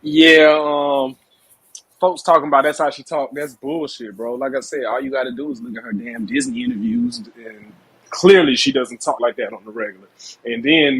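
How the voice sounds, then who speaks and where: A man's voice: medium pitch, fairly bright tone, husky. A man hosting a casual podcast chat over a video call, blunt, profane and heated. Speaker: podcast host.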